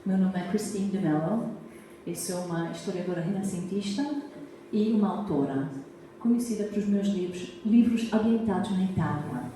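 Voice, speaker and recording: Recorded by a distant mic in a cultural society's echoey hall, with a little hiss or hum, a woman historian gives a chatty public talk at medium pitch and normal speed. American, from Massachusetts, she speaks English as her first language with a Portuguese accent from Azorean family. Warm and talkative, she asks questions and keeps checking in with "tá?"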